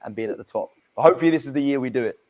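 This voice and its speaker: Talking very fast at a medium pitch, a young English guy who regularly appears on a football fan channel chats casually. He's lively and slangy, and laughter comes easily to him.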